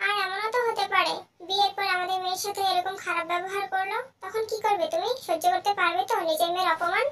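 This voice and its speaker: A woman voicing a patient middle-aged mother who calmly reproaches her rude husband. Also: very high-pitched, quick pace, distant mic. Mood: reasoning. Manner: calm, pleading, reasonable.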